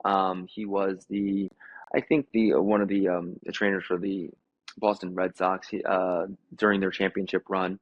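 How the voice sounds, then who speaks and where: A man's voice: low voice, moderate pace, no echo. A man in his forties with an American accent, a gym owner who is a guest on a podcast, telling stories casually with lots of fillers and acted-out quotes. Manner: animated storyteller who acts out quotes, many fillers. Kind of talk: casual conversational storytelling. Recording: dull lo-fi sound.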